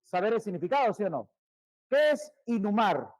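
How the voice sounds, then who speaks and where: A male teacher, giving a vocabulary lesson, repeating each word more and more quietly and quizzing his students. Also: high voice, sing-song, moderate pace, no echo, rough recording. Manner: repeats words, trailing off quieter, asks questions.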